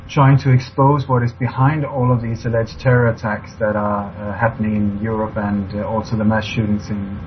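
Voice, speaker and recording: Halting male guest from Sweden, flat voice. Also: fairly low pitch. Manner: halting, many fillers, emphatic. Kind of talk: radio interview. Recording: dull lo-fi recording, faint hiss.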